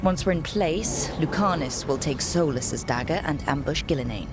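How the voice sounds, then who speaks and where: An actress plays a decisive heroine leading her team with direct orders in a video game cutscene, heard as game audio with music. Her voice sits low, with lively intonation and a normal speed.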